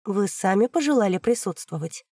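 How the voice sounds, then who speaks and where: A woman's voice: mid-range voice, normal speed, slightly rough, dry recording. A woman voicing a cool, pressing female investigator. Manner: calm, pressing, methodical. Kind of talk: audiobook reading.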